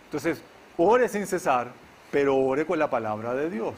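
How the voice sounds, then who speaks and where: A man delivers a sermon to his church in a fairly high voice. He speaks straight to the congregation and keeps checking in with them. Faint background noise runs under his preaching. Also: lively intonation, measured pace. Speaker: pastor. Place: church service.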